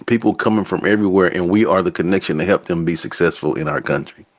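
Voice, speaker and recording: A man with a deep, low voice hosts a relaxed interview. He talks loosely and rambles a bit, leaning on filler words as he leads into his questions. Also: quick pace. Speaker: podcast host. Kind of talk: casual interview chat.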